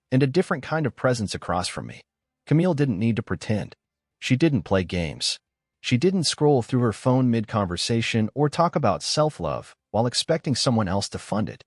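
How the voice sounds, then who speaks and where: A man narrating a first-person story in a calm, measured, scripted way. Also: medium pitch, no echo, studio quality.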